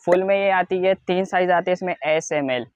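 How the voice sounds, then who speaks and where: An Indian man, a wholesale clothing seller, presents his stock in a brisk, smooth product showcase, insistently and repetitively stressing low prices. The audio is dull, with no room sound.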